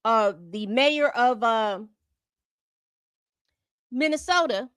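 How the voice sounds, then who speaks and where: A woman's voice: a little high, slow pace, fairly bright tone, clean tone, no room sound. A woman hosting a commentary channel, reading from a report and breaking off into exasperated asides. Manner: reads documents aloud then comments with exasperated asides.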